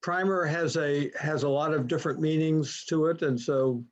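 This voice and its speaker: A man's voice: a little high, steady tone, normal speed. A man moderating a program on a video call, easygoing and hesitant, with many fillers. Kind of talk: casual chat on a video call. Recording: dull lo-fi video call audio.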